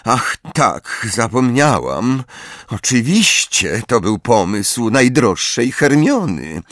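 A man's voice: very animated, slow pace, fairly bright tone, dry recording, clean studio sound. A man voicing an upset teenage schoolgirl who is touchy, tearful and snaps back indignantly. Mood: hurt, defensive. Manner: high-pitched, indignant and snappy.

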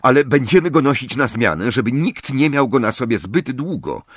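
Guy putting on a high fussy know-it-all teen witch girl, snappy, pitch jumping all over. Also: big pitch swings, breathy edge, dry recording, clean studio sound. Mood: worried, coaxing. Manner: brisk, impatient, fussing. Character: clever, bossy teenage girl witch.

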